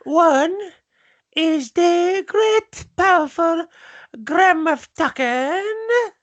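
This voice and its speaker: A man putting on a high, nasal alien majordomo voice for a podcast bit. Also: expressive, very slow, a bit bright, no echo, full character voice. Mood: grandiose. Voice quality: high nasal put-on voice with a Filipino-style accent. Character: Bib Fortuna impression, male alien majordomo.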